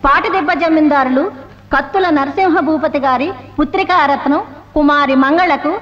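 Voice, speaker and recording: A woman's voice: high voice, normal speed, close to an everyday voice. An actress playing a woman who formally announces prize winners at a dance contest, on a dull old film soundtrack. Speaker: competition announcer.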